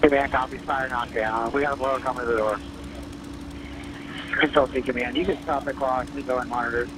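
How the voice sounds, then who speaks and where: A man's voice: medium pitch, steady tone, fairly quick. A man giving terse, urgent firefighter radio orders as incident commander over a two-way radio. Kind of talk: terse emergency radio communication. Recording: very noisy radio, roaring vehicle noise.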